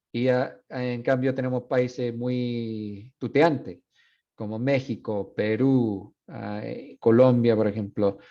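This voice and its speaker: Halting, dark-voiced man lecturing. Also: mid-range voice, muffled recording. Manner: switches between Spanish and English, halting with many fillers. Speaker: university Spanish instructor. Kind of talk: classroom lecture.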